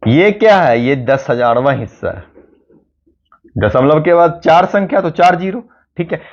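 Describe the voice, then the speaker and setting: A male math teacher with a fairly high voice that rises and falls a lot as he explains each step and keeps checking that students follow. The recording sounds dull and lo-fi. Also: lively intonation, moderate pace. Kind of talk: exam-prep math lecture.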